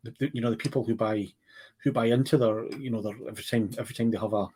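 A man's voice: on the low side, fairly even intonation, rapid-fire, warm tone, slightly rough. A Scottish man co-hosting a casual chat, speaking bluntly and repeating words for emphasis. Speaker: podcast co-host.

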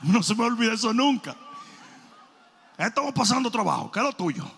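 A man preaching a sermon, telling stories animatedly, shouting for emphasis and repeating phrases. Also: very high voice, sing-song, moderate pace, gravelly, a little hiss or hum. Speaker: pastor. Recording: long reverb of a large hall.

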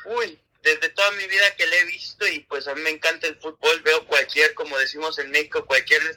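Guy, super bright sharp voice, eager talky soccer fan, kinda phone-ish audio. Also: fairly high pitch, steady tone, brisk, low-quality recording. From Mexico City. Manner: eager, talkative, hedging with "si no mal recuerdo". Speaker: podcast co-host. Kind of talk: casual soccer chat.

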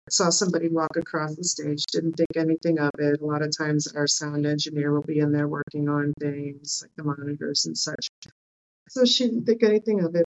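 A woman's voice: sits low, a little mellow, dull audio. A woman interview guest casually telling personal stories in a hesitant, loose way.

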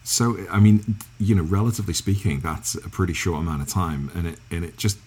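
An English man with a halting, filler-heavy way of talking, interviewing a guest in casual conversation. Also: low-pitched, darkish tone, husky. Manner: halting, lots of restarts and fillers.

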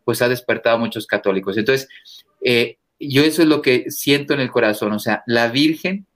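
Emphatic priest speaking forcefully. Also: male voice, normal speed. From Mexico. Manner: emphatic, forceful, rises in pitch when stressing points. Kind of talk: interview guest, impassioned preaching talk.

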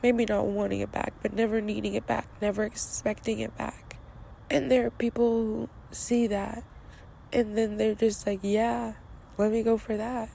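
A young woman talking openly and earnestly, her voice often dipping into a gravelly fry. She muses aloud with plenty of "like"s, sometimes softening almost to a whisper, while a faint vehicle rumble hums underneath. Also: little pitch movement, moderate pace. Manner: earnest, reflective, with frequent "like" fillers and soft, near-whispered passages. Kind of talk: candid personal monologue.

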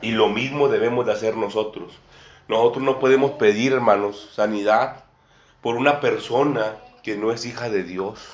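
Fairly low in pitch and fairly even in intonation, this man's voice moves at a moderate pace through a sermon. Before a small congregation in a church room with a table, he echoes his own phrases and addresses people as brother and sister, and the room itself sounds echoey.

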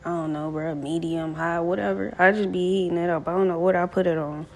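A woman's voice: fairly low pitch, steady tone, a little fast, darkish tone, a little hiss or hum. A young woman chatting casually in a home kitchen, laid-back and slangy, rambling as she cooks. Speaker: vlogger. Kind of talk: casual chat while cooking.

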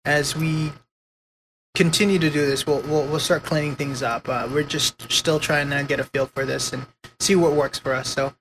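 A man co-hosting a casual podcast, easygoing and quick to laugh, rambling a little as he talks. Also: on the high side, steady tone, noisy background. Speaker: podcast co-host.

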